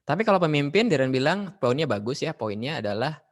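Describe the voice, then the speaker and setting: A man with an Indonesian accent leads an online leadership lesson for students. He talks in a lively way, asking questions, calling on students and dropping English phrases into his explanations. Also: fairly high pitch, brisk. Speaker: teacher leading a leadership training session. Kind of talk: online class lecture.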